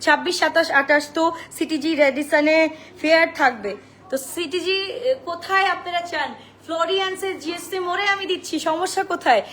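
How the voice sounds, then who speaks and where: Chatty high-voiced woman selling clothes live. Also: brisk, fairly bright tone. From Bangladesh. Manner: chatty, mixes English into Bengali, repeats sizes in a sing-song list. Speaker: online clothing seller. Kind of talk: live-stream sales pitch. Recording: echoey room with faint noise.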